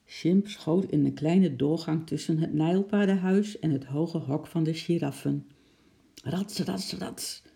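Storybook narrator: steady, expressive, deep-toned and grainy. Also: measured pace, vocal fry, few pauses. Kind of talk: children's storybook reading.

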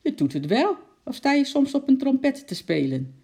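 A storyteller voicing a nosy neighbour man calling over the fence in a children's story, loud and teasing. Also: high voice, big pitch swings, normal speed, breathy edge, pitched above the performer's own voice, exaggerated voice.

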